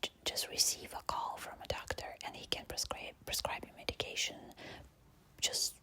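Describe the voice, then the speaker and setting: A woman whispering quietly, as if at night, telling a casual, sweary, exasperated personal story in ASMR style. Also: normal speed. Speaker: storyteller sharing a personal anecdote.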